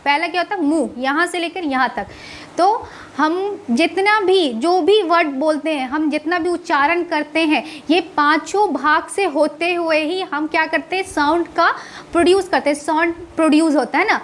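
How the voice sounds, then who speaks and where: A woman giving a grammar lecture, asking the class questions and answering them herself, often adding a tag question, and drawing out sounds slowly to show how they are said. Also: extremely high pitch, a little hiss or hum. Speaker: Hindi grammar teacher.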